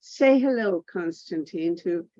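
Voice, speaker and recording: A woman hosts a video call town hall, keen and halting as she introduces each guest. Her voice is dark and mellow, and the call audio is dull and dry. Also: lowish voice, lively intonation. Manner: enthusiastic, halting introductions with restarts. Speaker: host of an online town hall. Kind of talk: hosting a video call meeting.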